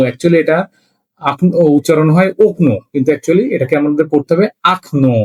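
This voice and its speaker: Guy teaching a beginner language class, bit high voice, spells stuff out slow, keeps asking ok?. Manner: slow, repetitive spelling out letter by letter; checks in with listeners often.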